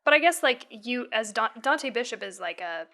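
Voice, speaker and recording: A woman co-hosting a podcast, talking casually with halting restarts and frequent swearing. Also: a little high, animated, pushed and bright. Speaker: podcast co-host. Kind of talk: casual chat about a horror film.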